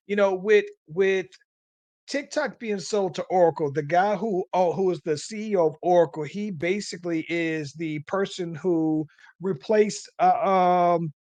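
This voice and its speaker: A man's voice: sits high, steady tone, moderate pace, a little mellow, no echo. A man hosting a casual podcast, rambling along and tagging his sentences with "though, man". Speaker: podcast host.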